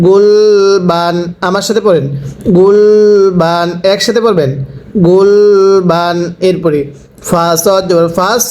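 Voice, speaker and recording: A man teaching a recorded Quran reading lesson, spelling out syllables slowly and patiently and asking the listener to repeat after him. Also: sits high. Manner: slow, drawn-out syllables for the learner to repeat; patient step-by-step instruction.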